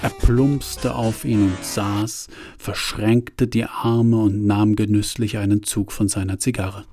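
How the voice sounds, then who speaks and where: A man narrating a story in a measured, detached way, at times half-whispered. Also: on the low side, flat delivery, dark tone, faint music behind. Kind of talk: scripted audiobook narration.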